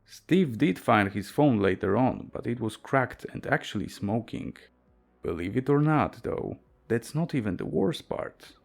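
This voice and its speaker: A man's voice: mid-range voice, animated, measured pace, gravelly. A man reading a horror story aloud as a narrator, with a dry, wry storytelling delivery.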